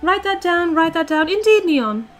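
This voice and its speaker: A woman livestreamer plays a haughty British duchess, a bossy aristocratic dominant girlfriend who calls herself Duchess, in a very high, girlish voice. Reading and answering chat in character, she orders viewers about like servants, pompous and condescending, stressing words heavily. Her delivery is expressive and moderately paced over faint background music, with a demanding mood.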